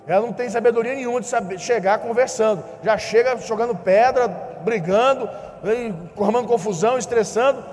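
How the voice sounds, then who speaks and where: A man's voice: very high voice, fairly quick, darkish tone, big-room sound. A Brazilian man preaching a sermon, asking his listeners questions and acting out the dialogue of the story he tells. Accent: Brazilian Portuguese. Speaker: pastor.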